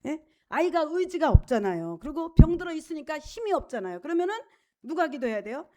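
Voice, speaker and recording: Middle-aged female pastor, high voice, emphatic preaching, quizzes the pews. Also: big pitch swings, a little fast, mellow. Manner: emphatic and conversational, asks the congregation questions. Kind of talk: sermon.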